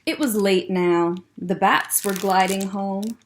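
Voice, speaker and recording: Slowly and in a mid-range voice, a children's librarian shares a picture book aloud, gently expressive as she points out the pictures. There is a little hiss or hum in the recording.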